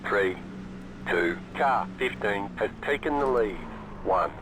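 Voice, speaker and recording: A man's voice: lowish voice, lively intonation, slow. Terse pit radio spotter guy, short clipped calls, sounds far off under roaring engine noise.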